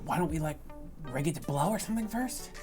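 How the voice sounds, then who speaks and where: A woman's voice: deep voice, animated, fast, music in the background. A woman playing a tabletop game, asking practical questions and planning. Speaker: player. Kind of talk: casual play chat.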